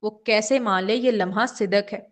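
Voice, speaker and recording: Woman narrating a romance novel. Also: mid-range voice. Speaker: novel reader. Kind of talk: scripted audiobook narration.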